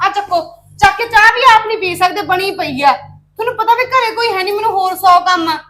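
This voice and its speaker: A woman's voice: very high-pitched, pushed and bright. A woman playing a quarrelsome housewife. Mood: complaining. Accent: Punjabi. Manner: quarrelsome, fast, complaining. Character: housewife complaining about chores, sharp-tongued.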